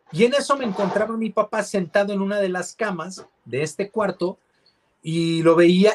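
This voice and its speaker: Reflective man telling a story. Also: sits high. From Mexico. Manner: reflective, hesitant, many fillers and restarts. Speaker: guest, radio announcer. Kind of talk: telling a personal story in an interview.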